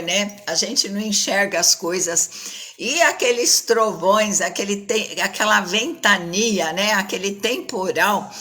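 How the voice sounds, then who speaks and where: A woman's voice: mid-range voice, bright, forceful tone. A woman giving a conversational sermon, ending many phrases with a questioning tag. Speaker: preacher.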